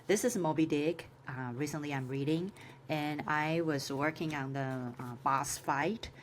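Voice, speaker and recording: This course instructor, a woman whose first language is Chinese and who speaks with a Chinese accent, talks through a casual screen-share tutorial. She speaks in a low voice, stopping and starting with lots of filler sounds, over a faint hiss or hum.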